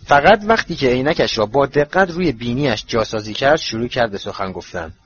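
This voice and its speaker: A man narrating a storybook audiobook in an expressive storytelling manner. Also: mid-range voice, breathy edge. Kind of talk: scripted narration. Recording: dull lo-fi recording.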